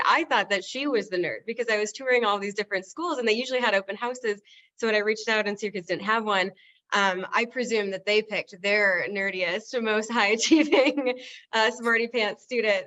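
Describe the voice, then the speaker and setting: A woman's voice: medium pitch, sharp tone, dull audio. A woman in her thirties from the United States, speaking as an architect in a conversational interview. She talks in an upbeat, chatty way and laughs while she speaks. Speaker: architect, studio co-founder.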